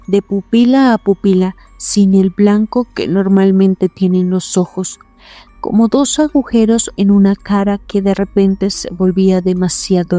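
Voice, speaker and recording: A woman giving a scripted, measured first-person horror narration at a suspenseful pace. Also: medium pitch, dark tone, no echo. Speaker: storyteller.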